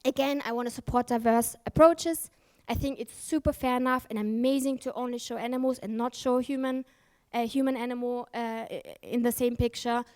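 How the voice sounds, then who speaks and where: Delivering a conference talk from the stage, a woman speaks candidly and emphatically, swearing freely and peppering her speech with fillers and mid-sentence self-corrections. Her voice sits on the high side, steady, a little fast and mellow, with a clear, resonant tone.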